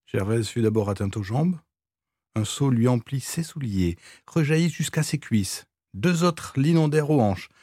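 A man reading a classic novel aloud with measured, expressive storytelling. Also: mid-range voice, husky, no echo, studio quality. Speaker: reader.

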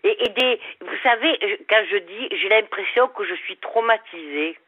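An older woman with a Southern French accent, calling in to a radio show, halting and repeating her words. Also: medium pitch, dry recording. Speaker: caller. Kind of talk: radio call-in. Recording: phone line.

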